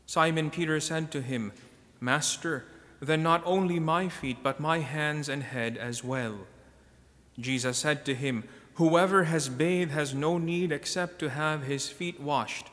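A man who is a priest, reading the Gospel and preaching in a measured, solemn way, his voice carrying a cathedral echo through a large church. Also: fairly high pitch, a bit bright. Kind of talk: liturgical reading and homily. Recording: long church reverb in a large hall.

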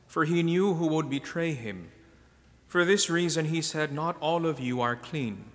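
A male priest reads scripture and delivers a homily in a measured, solemn manner, his voice a little high for a man, with lively intonation. Each phrase rings out and trails off in the long cathedral reverb of a large church hall.

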